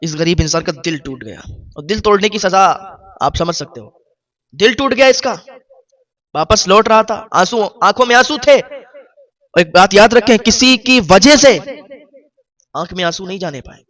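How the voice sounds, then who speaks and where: A man's voice: high-pitched, pauses often, fairly bright tone. A man preaching a sermon, narrating a moral story with emphatic asides to listeners.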